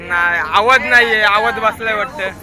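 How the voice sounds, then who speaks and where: Young guy vlogging on a bus, kinda high voice, talks nonstop showing everyone around, lots of people chattering behind. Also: normal speed, music in the background, crowd noise. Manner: chatty, keeps pointing things out to viewers. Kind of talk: casual vlog narration. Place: inside a moving bus. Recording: phone recording in a noisy, crowded bus. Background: chattering passengers on the bus.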